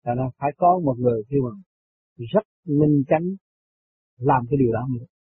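A man's voice: medium pitch, a little fast, breathy edge, dry recording. A man giving a rambling spiritual talk as a teacher, repeating words as he searches for them. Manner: repeats words while searching, chuckles between points. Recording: tinny phone-like radio line, dry.

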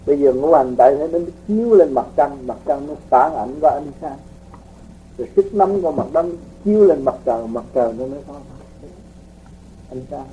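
A man teaching spiritual practice in a relaxed, folksy way, explaining with homely examples to his students. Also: mid-range voice, moderate pace, dull audio, a little hiss or hum. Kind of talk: casual spiritual teaching talk.

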